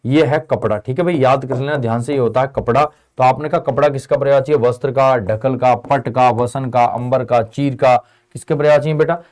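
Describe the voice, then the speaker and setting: With a medium-pitched, slightly mellow voice, fairly even intonation, and a somewhat fast pace, a male teacher conducts an online exam-prep lesson for an Indian tutoring channel. He casually quizzes students in call-and-response drills, answers his own questions, and refers to them as beta and bhai.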